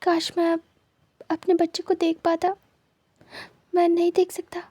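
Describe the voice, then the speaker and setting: A woman's voice: very high voice, monotone, moderate pace, dark tone, no room sound, pitched above the performer's own voice. A woman voicing a young blind man who has just become a father, pleading and teary. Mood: tearful.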